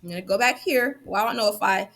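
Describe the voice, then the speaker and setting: A young woman venting heatedly to the camera, swearing often and rushing through run-on sentences with frequent restarts. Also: medium pitch, creaky, a bit bright, a little hiss or hum. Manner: heated and profane, rapid run-on talk with restarts. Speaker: vlogger. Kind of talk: angry venting monologue.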